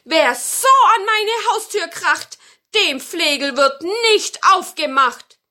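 A woman reading a canny old grandmother from a fairy tale, drawing out each question slowly. Her voice is bright and lively, rising and falling widely. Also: fairly high pitch, exaggerated voice. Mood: deliberate. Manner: slow, deliberate and questioning. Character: clever, careful old grandmother in her kitchen.

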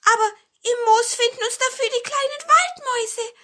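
A woman voicing a bunch of small, cheeky pine cones in a storybook, in a very high, giggly voice. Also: moderate pace, pushed and bright.

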